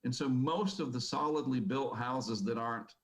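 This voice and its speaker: A man gives a talk at a conference, rambling through his story in a loose, casual way. His voice sits at a middling pitch, and his sentences are full of ums and uhs. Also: moderate pace, rough recording. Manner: casual, rambling, with many fillers. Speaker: conference speaker. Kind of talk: presentation talk. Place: conference hall.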